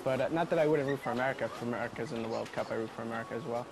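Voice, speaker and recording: Fast-talking man on a noisy street. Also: mid-range voice. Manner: hesitant, full of "I mean" fillers. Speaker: street interviewee. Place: outdoors on a city street.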